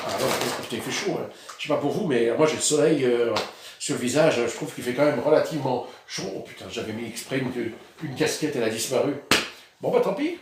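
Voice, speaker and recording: Rambling man, echoey sound. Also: medium pitch. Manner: rambling, hesitant, many fillers. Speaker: vinyl record collector presenting his records. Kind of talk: casual vlog. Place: outdoors in the sun.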